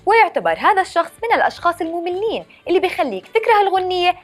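A woman with a Levantine Arabic accent tells things like a playful folk tale, her high voice swinging in lively melody. She leans on rhyming phrases as a podcast host reading a script, with music running behind her. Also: racing.

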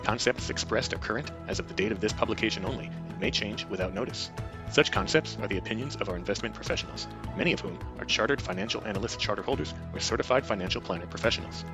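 A man reading a scripted legal disclaimer quickly and evenly. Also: lowish voice. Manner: fast, even legal read. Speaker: disclaimer announcer. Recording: voice over background music.

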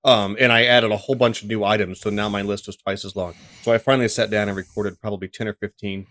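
Low-voiced casual tech podcast man. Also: flat delivery, quick pace, fairly bright tone, no echo. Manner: rambling, filler-heavy, self-deprecating. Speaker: podcast co-host.

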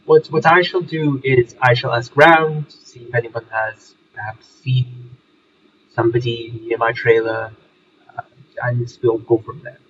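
A man's voice: mid-range voice, steady tone, unhurried, a bit bright, slight background noise, close to an everyday voice. Man acting a fussy showman, distant and muffled. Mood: polite, deferential. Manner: florid, old-fashioned wording with hesitant restarts. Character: long-lived, fussy, mild-mannered male showman. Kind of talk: in-character tabletop role-play. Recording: distant, muffled mic with music underneath.

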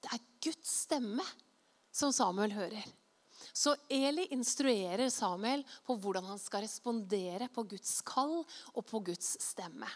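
Lively woman preaching in a reverberant hall. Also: medium pitch. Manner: lively storytelling, acting out quoted voices. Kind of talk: sermon with anecdote and scripture reading.

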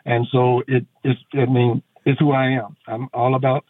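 A man's voice: medium pitch, flat delivery, moderate pace, dry recording. A middle-aged man, a pastor and veteran, talking earnestly on a phone-in radio interview with many fillers and restarts. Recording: tinny phone line.

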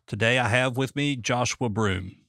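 A man's voice: medium pitch, moderate pace, a bit bright, no echo. Man, podcast host, easygoing interviewer, dry close mic. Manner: easygoing, short affirmations. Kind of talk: conversational interview.

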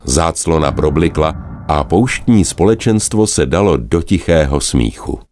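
Very deep-voiced male storyteller. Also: noisy background. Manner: lively, expressive telling. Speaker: narrator. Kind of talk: storybook narration.

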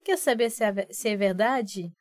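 A woman's voice: mid-range voice, normal speed, darkish tone, no room sound, clean studio sound. A woman with a Brazilian Portuguese accent, co-hosting a casual educational podcast and explaining phrases with examples. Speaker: podcast co-host.

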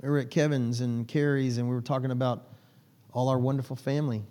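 Speaking quickly in a level, dark-toned mid-range voice, this pastor preaches a chatty sermon. He keeps it folksy, bantering with the congregation and ribbing people by name.

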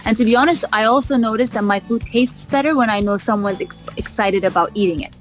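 A woman's voice: a little high, fast talker, soft background music. Enthusiastic woman author on radio. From raised in Vancouver, Canada. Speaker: cookbook author, interview guest. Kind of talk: radio interview answers.

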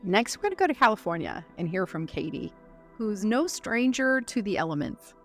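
A woman's voice: mid-range voice, sing-song, moderate pace, soft background music. A woman hosting a podcast, reading introductions to the stories. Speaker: podcast host. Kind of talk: scripted podcast narration.

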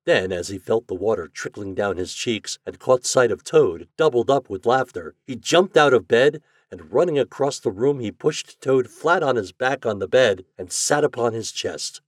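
A man reads a children's storybook aloud in a middle-pitched voice with animated, lively intonation. His reading is close to the mic and dry, with no room sound. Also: moderate pace, hardly any pauses, dry recording. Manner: expressive. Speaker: story reader.

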